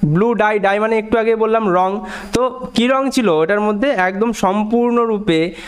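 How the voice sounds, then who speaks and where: A man teaching a story line by line, reading the English words slowly and explaining them at a quicker pace, often checking that learners follow. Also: sits high, smooth. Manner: slow and deliberate on English phrases, quicker in explanations; asks learners frequent check questions.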